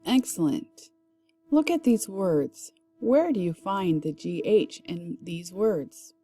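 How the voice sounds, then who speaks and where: A woman leads a phonics lesson at a very unhurried pace, saying each word slowly and separately. Her voice sits a little low, and her diction is careful and clear. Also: lively intonation, warm tone, soft background music. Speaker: phonics teacher. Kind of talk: slow, deliberate phonics drill.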